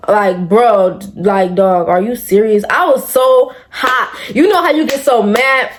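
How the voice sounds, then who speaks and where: A woman's voice: a little high, unhurried. A woman who is a mother tells a personal story straight to her viewers, talking animatedly, swearing freely and calling them y'all. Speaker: vlogger telling a personal story. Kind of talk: casual storytime.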